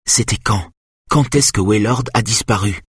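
A man voices an impatient, firm woman in an audiobook, pushing hard with every question. The voice is low and very husky, recorded close and dry. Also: normal speed, fairly bright tone, no room sound. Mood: insistent. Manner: firm, insistent. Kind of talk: audiobook character voice.

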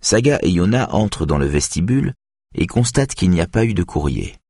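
A male audiobook narrator with an extremely deep, husky voice, reading steadily and evenly. The recording is close and dry, with no room sound. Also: very animated, brisk, a little mellow, dry recording. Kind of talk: scripted narration.

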